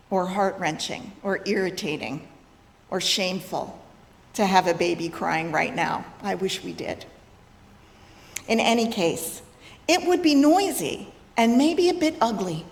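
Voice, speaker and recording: A woman giving a sermon at a fellowship service in a slow, reflective way. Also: medium pitch. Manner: slow, reflective, rising to loud braying calls. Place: fellowship hall. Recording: long reverb of a hall.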